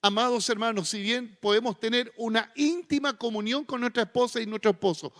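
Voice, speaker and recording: A male pastor with a Chilean accent preaching a sermon into a stage microphone, folksy and humorous, then softly earnest. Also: very high-pitched, fairly even intonation, brisk. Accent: Chilean Spanish. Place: church sanctuary. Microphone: stage microphone with monitor. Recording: long church reverb.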